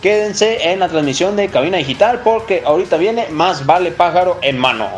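Male Mexican football host, fairly high voice, slangy and blunt casual opinion talk, some music behind. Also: expressive, a little fast.

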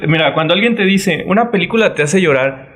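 A man with a Mexican accent, co-hosting a casual chat, thinking aloud in a halting way. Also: sits high, animated, fairly bright tone. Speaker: podcast co-host.

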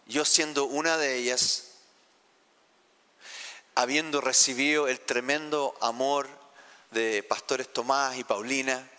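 A Chilean pastor preaching a heartfelt sermon, asking the congregation questions. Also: male voice, mid-range voice, sharp tone, big-room sound. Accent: Chilean Spanish. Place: church sanctuary.

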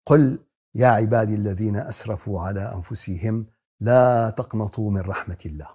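A man teaching Quran commentary. He asks the audience questions, answers them himself, and addresses the listeners warmly. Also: fairly low pitch, a little fast, breathy edge. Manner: talks to the audience as "beloved ones" in a warm teaching tone.

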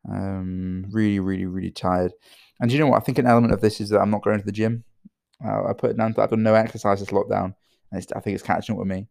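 Tired British man with a gravelly voice. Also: lowish voice, level tone, fast talker, darkish tone, dry recording, studio quality. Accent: British English. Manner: rambling, with many fillers and repeated words. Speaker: podcast host and entrepreneur. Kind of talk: solo podcast monologue.

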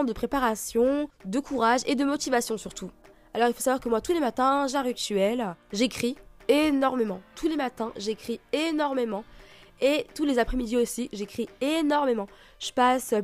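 Hosting her own podcast, a woman talks in monologue and answers questions, her fairly high, slightly mellow voice carrying a lisp that makes her s sounds slushy. She records on her own microphone fitted with a homemade pop filter.

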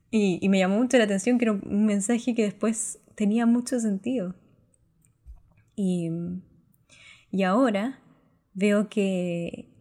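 Mellow, rambling woman telling a story. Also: medium pitch. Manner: rambling, laughs often, many restarts. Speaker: spiritual channeler. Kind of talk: casual personal chat.

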